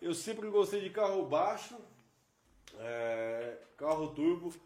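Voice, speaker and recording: A high-pitched man from São chats as a podcast guest, laughing often and leaning on slang. His voice bounces around an echoey room. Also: sing-song, slow, darkish tone. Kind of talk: casual podcast chat.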